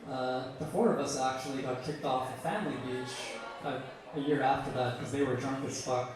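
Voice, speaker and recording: A man's voice: medium pitch, fairly even intonation, brisk, a crowd in the background. Young man telling profane stage stories. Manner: profane, meandering anecdotes. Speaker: stand-up comedian. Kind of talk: stand-up storytelling. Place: bar. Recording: echoey bar from far off.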